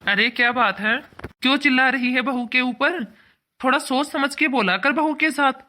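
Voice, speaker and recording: A woman voicing an easygoing older father-in-law in an animated cartoon. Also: high-pitched, normal speed. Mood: chiding. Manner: calm, teasing.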